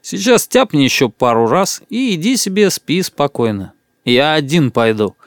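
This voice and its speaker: A man reading an audiobook plays a loud, boastful middle-aged boss who has been drinking and lectures people. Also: on the high side, big pitch swings, normal speed, dry recording, clean studio sound. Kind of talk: audiobook character voice.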